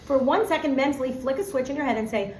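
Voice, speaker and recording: Animated New woman teaching Torah. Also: high-pitched, fast. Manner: animated, acts out everyday scenes, many fillers of "like". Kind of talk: casual Torah lesson. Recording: echoey room, faint background hum.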